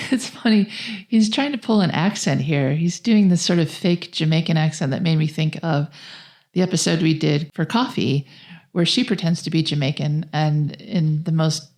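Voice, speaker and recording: A woman co-hosting a podcast recaps a film's plot conversationally. Her voice sits low and is a little mellow, and she talks at a normal speed.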